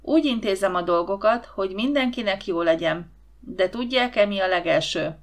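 A woman voicing a domineering male film director who speaks in a loud, commanding manner. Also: lightly acted. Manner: booming, commanding.

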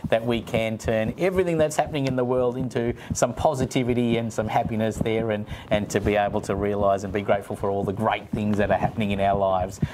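A man's voice: lowish voice, fast, hardly any pauses. A middle-aged man presenting a children's show in an overbright, exclamatory party-host manner, speaking straight to the young viewers. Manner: animated hand gestures, addresses children directly. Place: school studio and kitchen, indoors. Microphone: clip-on lapel microphone. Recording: noisy room sound.

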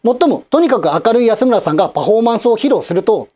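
A middle-aged man hosts his own channel in a formal, measured newsreader manner. His pitch moves in lively swings, and he slips in dry, wry asides. His tone stays polite and composed throughout. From Japan, Osaka and Kochi. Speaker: channel host and commentator. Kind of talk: scripted news-style commentary.

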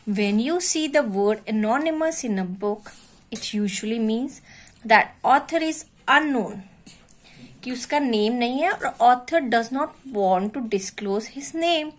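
A woman's voice: a little high, animated, moderate pace. A woman teacher, giving a class to young children, checking in often and mixing in Hindi phrases. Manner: repeats and checks on pupils, switches into Hindi phrases. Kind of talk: online class lesson.

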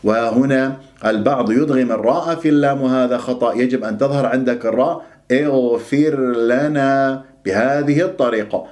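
A man from Iraq teaching Quran recitation rules, stretching words out slowly to demonstrate their pronunciation. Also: mid-range voice, a little mellow. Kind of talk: tajweed lesson with slow demonstrations.

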